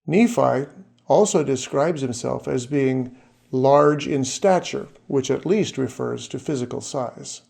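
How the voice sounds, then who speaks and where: Presenting his own series, a man reads a scripted narration, moving through names and facts at a measured, steady pace. His voice sits in the mid-range and has a creaky quality.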